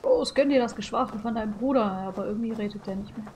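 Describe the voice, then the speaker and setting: A woman with a fairly high voice gives casual live commentary on a game. She mutters playful reactions in an informal, chatty way. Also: quick pace, a little mellow, slight background noise. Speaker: video game streamer. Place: small indoor room at home.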